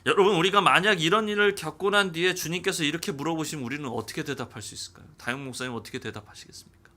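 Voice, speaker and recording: Male pastor, high bright voice, lively sermon delivery with acted-out quotes. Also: very fast. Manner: animated, acting out dialogue in quotes.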